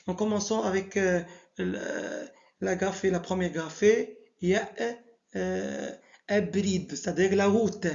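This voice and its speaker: Halting man teaching, slow and gravelly. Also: high voice, darkish tone. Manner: halting, many "euh" pauses and repetitions. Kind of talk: slow hesitant lecture. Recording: dull lo-fi sound.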